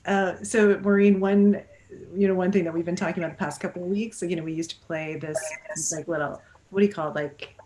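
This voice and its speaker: A woman's voice: fairly low pitch, steady tone, a little fast, dark tone, poor audio. A woman hosting a casual livestream interview over a video call, chatty and full of fillers and restarts. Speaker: livestream host.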